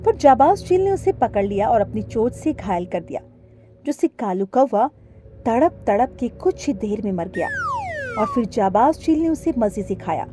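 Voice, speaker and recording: A woman narrating a children's cartoon story in a clear, expressive storytelling voice, recorded as a studio voice-over. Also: fairly high pitch, normal speed, soft background music.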